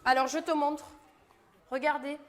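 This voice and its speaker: A woman's voice: sits high, steady tone, unhurried. Patient woman teacher coaching small children. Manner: patient, encouraging, stretches out speech sounds. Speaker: kindergarten teacher. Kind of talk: classroom instruction with young children. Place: kindergarten classroom.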